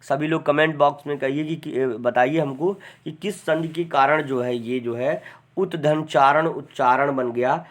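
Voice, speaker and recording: Man, teacher, online lecture, slightly high voice, chatty, dictates slowly. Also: fairly even intonation. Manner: chatty, repeats "है ना" often; dictates word forms slowly and deliberately. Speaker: Hindi grammar teacher.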